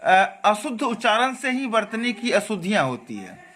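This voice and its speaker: A man's voice: high-pitched, very animated, fairly bright tone. A man teaching a Hindi grammar lesson, patiently repeating wrong and correct pronunciations and checking in with his students. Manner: explains patiently, repeats wrong and right forms, checks with "है ना?" and "okay?"; slow, careful stress on corrected words. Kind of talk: classroom lesson.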